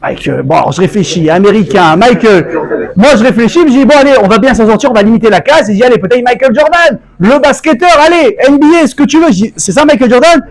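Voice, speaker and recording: High-pitched guy rabbi telling stories in a torah class, acts out the voices. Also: quick pace, poor audio. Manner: animated storytelling, acts out dialogue. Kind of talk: Torah lecture with anecdotes.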